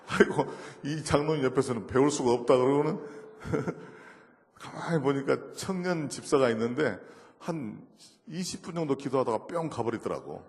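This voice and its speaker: A man giving a lively testimony sermon at a church, telling stories with acted quotes and moving from soft murmurs to loud outbursts. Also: mid-range voice, moderate pace, big-room sound. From South Korea. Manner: storytelling with acted quotes, laughing, shifts from murmur to shouting. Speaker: guest speaker at a church service.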